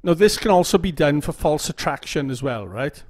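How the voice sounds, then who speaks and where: Speaking at an ordinary speed, the OCD educator on YouTube uses a fairly high, expressive voice with a dark tint. He explains things casually to the camera, repeats himself often, and keeps asking "okay?"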